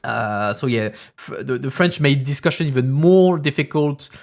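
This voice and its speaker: Male streamer at a mid-range pitch, casual and thinking aloud, reads the news straight and then riffs on it dryly, with faint music underneath. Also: lively intonation, normal speed, vocal fry. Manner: reads articles aloud then breaks into loose, sarcastic asides; hesitant, many fillers and restarts while thinking aloud.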